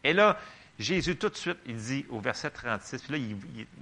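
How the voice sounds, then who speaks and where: A man's voice: mid-range voice, lively intonation, a little fast, bright, forceful tone. A man with a Québécois French accent preaching a sermon, reading Bible verses and chatting with the congregation in asides. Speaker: pastor.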